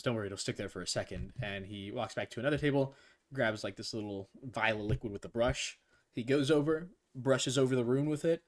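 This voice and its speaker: Laid-back young man narrating a game. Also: on the low side. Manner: casual, chuckling, filler-heavy narration. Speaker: game master.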